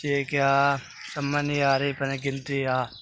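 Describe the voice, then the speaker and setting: A Pakistani man with a Pakistani accent, talking fast and rambling as he vlogs from his village. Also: medium pitch, completely flat delivery, a bit bright. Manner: fast, rambling, says he talks fast. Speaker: village vlogger. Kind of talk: casual vlog narration. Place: rural village outdoors. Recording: noisy outdoor recording, birds. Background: birds and outdoor ambience.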